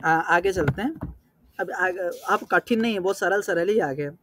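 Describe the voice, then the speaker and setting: A man teaching a class, explaining terms patiently, reciting verse words slowly and often checking whether his students understand. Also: high voice, pushed and bright, a little hiss or hum. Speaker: Sanskrit teacher. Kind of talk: explanatory lesson.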